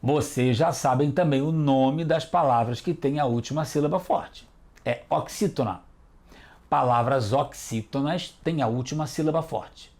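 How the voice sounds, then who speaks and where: A man's voice: mid-range voice, darkish tone. A man hosting a children's educational TV lesson, patiently encouraging the kids as detectives. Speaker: teacher and host.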